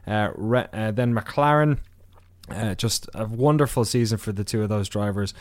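A man's voice: on the low side, moderate pace, dry recording. A man hosting a podcast, giving a casual race recap with wry asides, rambling through many fillers and restarts. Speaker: podcast host.

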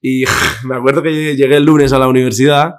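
A man's voice: medium pitch, flat delivery, fairly quick. A young man from Spain, a podcast guest telling stories in casual chat, full of fillers and acted quotes.

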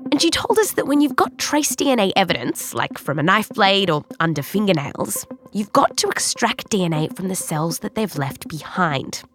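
A woman's voice: medium pitch, fairly bright tone. An Australian woman hosting and narrating a scripted documentary in a conversational style, with an Australian accent. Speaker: podcast host and narrator.

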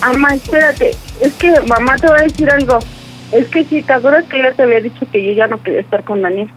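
Flustered pleading young wife, acted by a woman, high, music behind. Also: quick pace, close to an everyday voice, rough recording. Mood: confessing. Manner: pleading, scolding, talking over others.

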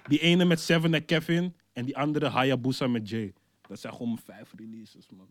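A young man co-hosting a casual music chat, slangy and laid-back, often trailing off low at the ends of his lines. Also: fairly even intonation, normal speed, a little hiss or hum. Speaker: podcast co-host.

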